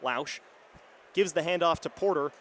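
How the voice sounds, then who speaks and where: A young adult sports announcer calls an American football game live on the radio, his voice on the high side, a bit bright, at normal speed. Crowd noise and outdoor ambience from the stadium are clearly audible in his booth.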